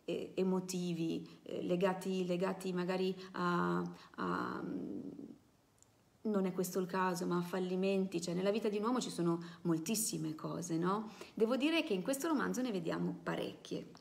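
A woman reads a novel aloud live, narrating expressively and pausing now and then to comment on it. Her voice has a noticeable gravelly fry. When she shifts from reading to commentary, she fills her speech with hesitant fillers. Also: on the low side. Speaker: novel reader and reviewer.

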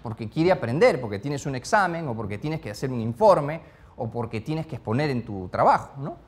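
Animated male teacher quizzing a class. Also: mid-range voice, fairly quick. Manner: animated, questions the group over and over; peppers speech with "¿ya?" and "¿no?". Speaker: speed-reading course instructor. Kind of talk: interactive classroom lesson. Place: classroom with a live group.

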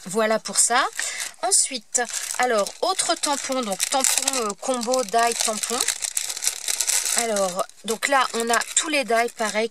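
A woman's voice: mid-range voice, a bit bright. Give me a chatty, hesitant middle-aged woman reviewing stamps at home. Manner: chatty, hesitant, many fillers and restarts. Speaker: crafting vlogger. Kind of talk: casual product review.

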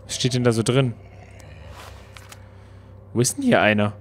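Male Let's Play commentator, playful and chatty, mid-pitched voice. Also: normal speed, slight background noise. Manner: playful, excitable, talks to the game. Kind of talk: casual gameplay commentary.

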